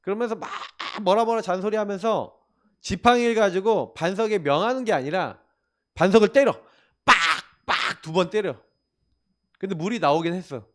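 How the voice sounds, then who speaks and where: A man's voice: high-pitched, brisk. A male pastor giving a sermon in an emphatic, conversational way, asking the listeners rhetorical questions. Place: church.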